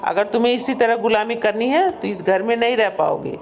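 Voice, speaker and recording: A man's voice: high-pitched, a little fast, creaky, a little hiss or hum. A man doing a blunt, scolding father in a cartoon. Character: stern older father-in-law, scolding and blunt. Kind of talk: cartoon voice acting.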